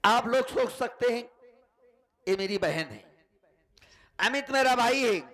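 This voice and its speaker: A man's voice: very high-pitched, expressive, slow, a bit bright, full character voice. A man playing a betrayed, vengeful husband in a folk stage play, declaiming to the audience. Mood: grieving.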